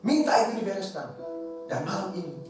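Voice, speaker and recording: A man's voice: high voice, big pitch swings, fairly quick, music in the background. A male pastor telling a story in a sermon, emphatic and repetitive, with his voice carried across a church hall. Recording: echoey church hall, distant mic.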